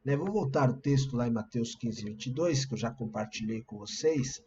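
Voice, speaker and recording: A man's voice: mid-range voice, moderate pace, a little mellow, highs cut off, a little hiss or hum. A man with a Brazilian Portuguese accent preaching a sermon in a conversational, explanatory way to an online congregation. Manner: conversational, explanatory, shares screen slides. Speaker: pastor.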